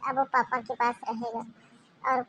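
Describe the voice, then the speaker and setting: A patient young daughter-in-law from a cartoon, voiced by a woman. She speaks softly and humbly in a high voice. Her tone stays pleading and subdued. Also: little pitch movement, normal speed, vocal fry, lo-fi sound, a little hiss or hum. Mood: calm. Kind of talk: Hindi cartoon voice acting.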